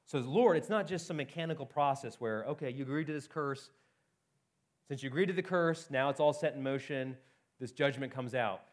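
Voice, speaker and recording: A man preaching a sermon in an urgent, conversational way, often dropping quiet and then rising. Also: mid-range voice. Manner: urgent, conversational preaching with rapid swings in loudness.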